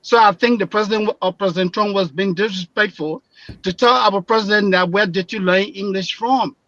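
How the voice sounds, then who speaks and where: A man's voice: high-pitched, normal speed, no room sound. Impassioned Liberian man on a muffled line. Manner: impassioned, grows loud and emphatic. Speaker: panel guest. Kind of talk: radio panel commentary.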